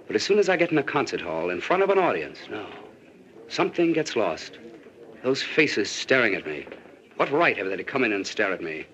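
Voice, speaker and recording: A man playing a brooding, self-important pianist with deadpan, blunt delivery in 1940s screwball comedy banter. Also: fairly low pitch, brisk. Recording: dull old film soundtrack with music.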